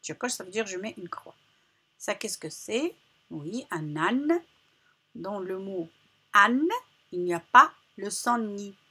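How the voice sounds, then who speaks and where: Female teacher, slow and breathy, drilling children on sounds. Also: medium pitch, expressive, fairly bright tone. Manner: slow, carefully articulated, repeats sounds for children. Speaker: primary school teacher. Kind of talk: phonics lesson for young children.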